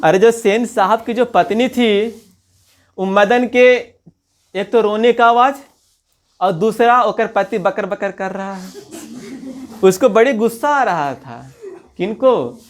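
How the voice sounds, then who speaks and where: A man's voice: sits high, slow, pauses often. A man, teaching as a teacher. He reads a story passage, then retells it in local dialect and asks the listener questions. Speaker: Hindi teacher. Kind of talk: explaining a textbook story line by line.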